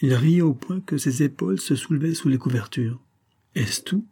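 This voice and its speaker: A man narrating a novel as an audiobook in a steady, measured way. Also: on the high side, gravelly, slightly rough. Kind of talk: scripted narration.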